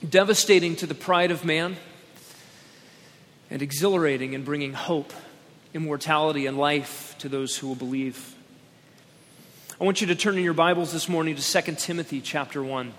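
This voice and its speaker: A man preaching a sermon as pastor at a pulpit microphone, emphatic and slowing down on key words. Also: a little high, a bit bright. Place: church sanctuary, speaking at a pulpit microphone. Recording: long church-hall reverb.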